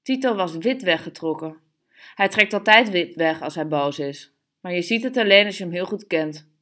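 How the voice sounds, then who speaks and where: Female audiobook narrator, measured delivery, lower pitch. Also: expressive, a bit bright. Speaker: audiobook reader. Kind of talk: literary narration.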